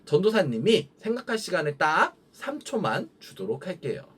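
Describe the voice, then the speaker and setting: A young man preaching a children's sermon, telling the story in a gentle, sing-song way for kids. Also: high voice, huge pitch swings, moderate pace, breathy edge.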